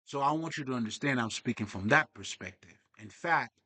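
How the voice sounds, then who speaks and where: A man's voice: mid-range voice, animated, brisk, pushed and bright. A young man talking in a casual, profane, rambling monologue as a spiritual vlogger. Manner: profane, streetwise, digressive.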